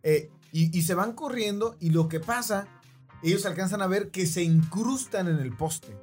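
A man's voice: high-pitched, animated, moderate pace, a little mellow, faint music behind. Rambling Mexican man telling a story. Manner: rambling, keeps checking in with listeners. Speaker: podcast host. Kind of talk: casual storytelling.

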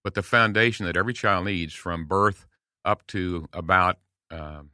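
A 60s-aged podcast guest, in his late sixties, speaks low at a moderate pace in a clean studio recording with no room sound. Through earnest storytelling in a casual conversation, he warmly encourages listeners, acting out quotes along the way.

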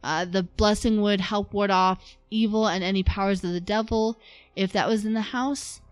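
A woman hosts a podcast and walks through a story in a relaxed, conversational way. Her voice sits mid-range and sounds dry and close to the microphone. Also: mid-range voice, normal speed, no echo. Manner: narrates from notes, chatty with laughs. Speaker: podcast host.

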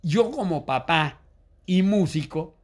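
Older Mexican man, gravelly, lively storytelling. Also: fairly high pitch, takes it slowly. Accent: Mexican Spanish. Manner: animated, acts out quoted voices. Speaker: guest. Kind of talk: storytelling in a casual interview.

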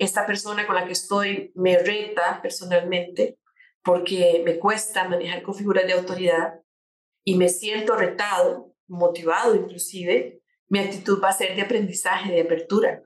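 A woman speaking as a coach on changing attitudes, explaining her points with rhetorical questions and everyday examples. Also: mid-range voice. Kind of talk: conversational talk show guest. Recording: echoey room.

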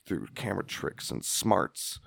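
A man with a low, gravelly voice co-hosts a horror podcast, playful and sarcastic as he gushes about favorite films. The sound is dry and close, with no room around it. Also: very animated, unhurried, fairly bright tone, no echo. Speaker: podcast co-host. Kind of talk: casual chat.

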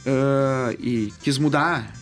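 A man with a Gaúcho Portuguese accent, a radio journalist telling stories in a casual interview, animated and acting out dialogue. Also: mid-range voice, drawn-out words, creaky, soft background music. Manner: animated, acts out quoted dialogue.

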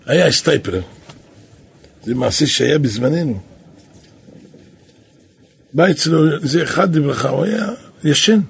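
A man, a rabbi and yeshiva head, telling a story in a sermon, animated and now and then calling out quoted lines loudly. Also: a little high, pauses often. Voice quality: raspy.

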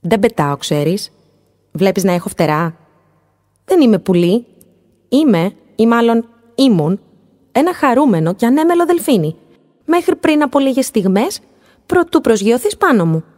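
A woman voicing a grown male dolphin in a children's story, shouting exasperated complaints in a raised voice. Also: a little high, sing-song, long pauses, pitched above the performer's own voice. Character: flustered grown male dolphin, easily pained. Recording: long hall reverb.

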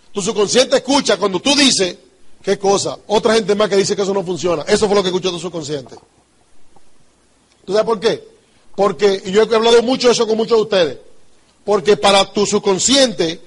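A man with a Dominican Spanish accent and a high-pitched voice delivers a motivational talk on business. He talks emphatically, says key phrases over and over, and keeps checking with his listeners through rhetorical questions. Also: slightly rough. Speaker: business trainer.

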